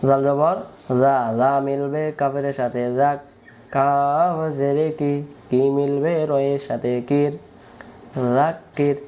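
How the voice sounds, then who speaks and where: A man's voice: mid-range voice, little pitch movement, takes it slowly, dark tone. A man teaching Quran reading in a patient, repetitive syllable-by-syllable spelling drill. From Bangladesh.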